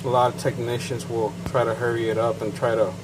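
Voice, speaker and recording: Speaking fairly quickly in a medium pitch that barely moves, this man rambles through a casual how-to demonstration full of fillers and asides, with noise behind him. He's a certified payment terminal technician who grew up bilingual in English and Spanish and has a Chicano Mexican-American accent.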